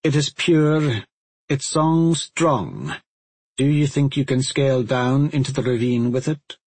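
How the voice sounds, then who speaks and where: A man voicing a stern, scornful older witch who speaks in a cold, imperious, impatient way, with a husky voice in a dry recording. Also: medium pitch, lively intonation, takes it slowly, darkish tone, no room sound, heavily acted.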